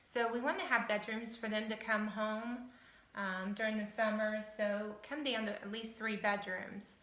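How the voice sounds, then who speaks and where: A fifty-year-old American woman from Southern Ohio, hoping to join a house-hunting show, talks casually to camera as though auditioning. Her mid-range voice is fairly bright, level in tone, and moderately paced, and the room echoes.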